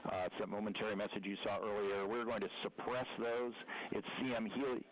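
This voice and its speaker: A man's voice: fairly low pitch, steady tone, fairly quick, lo-fi sound, slight background noise. Man on a radio comm loop. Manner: clipped, procedural technical callouts. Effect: radio transmission. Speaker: mission flight controller.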